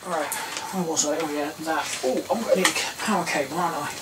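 A fast-talking middle-aged Englishman with a fairly high voice rambles through a casual hands-on electronics tutorial, thinking aloud as he works in a small indoor workroom. He hosts this DIY video. There's some background noise, and the mic is placed far off.

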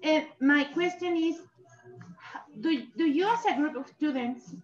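A young woman from Mexico with a Mexican Spanish accent, speaking English as a second language slowly and haltingly on a video call as a workshop participant. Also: high voice. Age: young adult. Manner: slow, halting, searching for words. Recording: echoey, dull video-call audio.

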